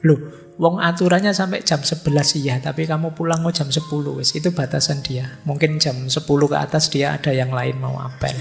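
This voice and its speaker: A male lecturer talks in a relaxed, conversational way and acts out small everyday exchanges. His voice is a touch higher than most men's and has a gravelly edge. Faint music sits beneath his talk. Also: moderate pace. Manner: conversational, acts out little quoted dialogues. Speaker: Islamic philosophy lecturer. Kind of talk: relaxed lecture to a live audience.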